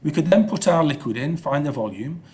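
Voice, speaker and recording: A man's voice: on the high side, lively intonation, brisk, a little mellow. A man teaching an informal recorded science lesson over slides in an explanatory manner, often checking with okay and yeah.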